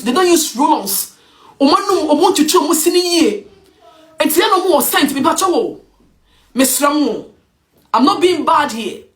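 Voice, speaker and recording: A Ghanaian woman delivers a fired-up opinion rant, sliding between English and Twi. Her voice sits high and swings widely in pitch as she presses her points. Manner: emphatic, mixes English with Twi. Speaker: online commentator.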